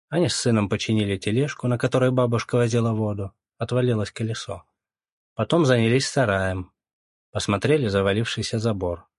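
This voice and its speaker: A man narrating a story as an audiobook, in a calm, even manner with dry irony. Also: mid-range voice, no echo.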